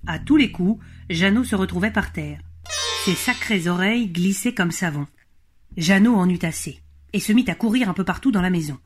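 A woman narrating a children's storybook with gentle, expressive delivery. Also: on the low side, moderate pace, faint music behind.

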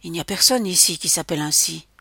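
A woman's voice: lowish voice, quick pace, vocal fry, sharp tone, husky, dry recording, exaggerated voice. A woman reading an audiobook and voicing a weary, guarded man who writes detective novels, answering a stranger on the phone.

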